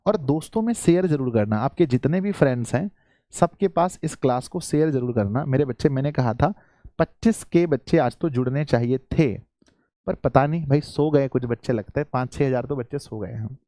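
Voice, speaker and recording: A man teaching a live online class to students, repeating each question and often clearing his throat. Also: medium pitch, moderate pace, dark tone, no room sound, studio quality.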